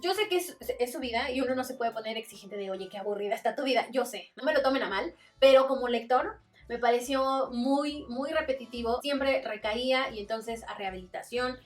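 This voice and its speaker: A woman's voice: a little high, moderate pace, distant mic, soft background music. A woman with a Mexican accent, chatting casually in a book review vlog and acting out little quoted exchanges. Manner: chatty, acts out quotes with voices.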